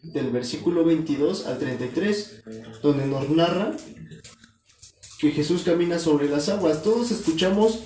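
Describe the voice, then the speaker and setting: A male preacher delivers a sermon in an earnest, direct way, turning to his listeners as brothers. His voice is mellow and a little high for a man. The room around him rings with echo. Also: a little slow. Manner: earnest, addresses listeners as brothers, corrects himself. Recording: echoey room.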